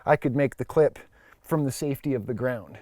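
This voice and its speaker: A man's voice: mid-range voice, brisk, darkish tone, dry recording, studio quality. A man teaching as an instructor during a hands-on demonstration, explaining things in a plain-spoken way. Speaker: climbing instructor. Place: at a climbing wall or crag, speaking while climbing.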